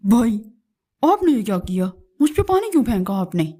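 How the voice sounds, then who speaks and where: A woman's voice: a little high, sing-song, normal speed, warm tone, husky. A woman voicing a lazy, resentful young male crow in a cartoon, sounding whiny. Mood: sulky.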